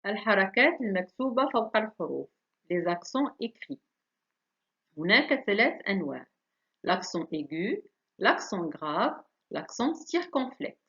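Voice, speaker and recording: A woman teaching a French lesson, saying each example slowly and deliberately. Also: mid-range voice, big pitch swings, fairly bright tone, lo-fi sound. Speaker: language teacher.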